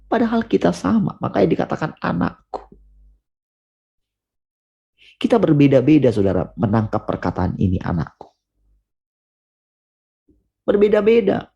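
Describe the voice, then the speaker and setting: Preaching over a video call in a creaky, husky voice, a man sounds earnest and emphatic. He rises into urgent questions and then falls back low and quiet.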